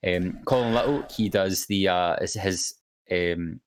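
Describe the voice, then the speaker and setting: Reading the chat on a casual podcast he co-hosts, this man speaks in a deep voice at a measured pace. His delivery is hesitant and full of fillers, restarts and repeated words as he reads viewer comments aloud.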